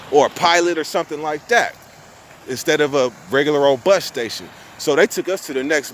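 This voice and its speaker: Slightly high and a bit bright, a young man's voice carries a long, rambling story told to his viewers. His speech is profane street slang with frequent restarts and repetitions, and a little hiss or hum can be heard.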